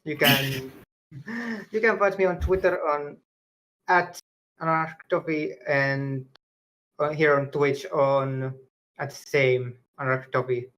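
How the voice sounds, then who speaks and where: A player from Finland, giving a brief, unhurried introduction. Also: medium pitch, a bit bright.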